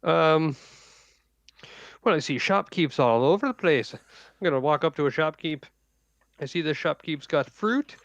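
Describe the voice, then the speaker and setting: A man's voice: on the high side, expressive, normal speed, pauses often, dry recording. A man playing a tabletop game, hesitant with many ums and uhs. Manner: hesitant, filler-laden. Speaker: player. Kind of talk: in-character play at the table. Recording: dull dry lo-fi mic.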